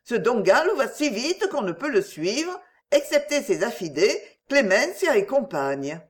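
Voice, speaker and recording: A woman's voice: fairly high pitch, big pitch swings, unhurried. Woman doing giggly teasing young lady, chatty. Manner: playful, chattering.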